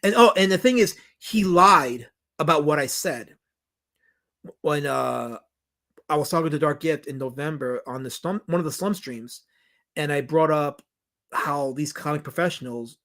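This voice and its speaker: A documentary director with a New York accent hosts a livestream Q&A, reading viewer comments and answering in a rambling, emphatic way full of restarts and repetitions. His voice is on the high side and fairly bright, at a normal speed.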